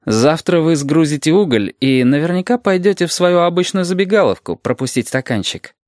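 A man reading an audiobook and voicing a young police inspector who speaks calmly, with a measured, dryly ironic edge. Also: a little high, no echo, clean studio sound, pitched above the performer's own voice, natural voice. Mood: stern. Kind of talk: audiobook character voice.

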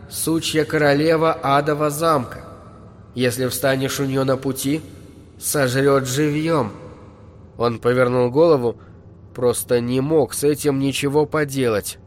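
A man in a measured, dark storytelling manner, reading an audiobook as narrator. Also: on the high side. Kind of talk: scripted narration.

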